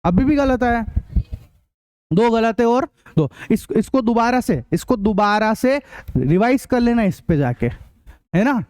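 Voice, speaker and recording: Male tutor, very high voice, smooth and resonant, dry close sound, quizzing students, blunt. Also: expressive, darkish tone, dry recording. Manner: drilling rules, quizzing students with quick questions; blunt, scolding. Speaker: math tutor. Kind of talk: online class lecture.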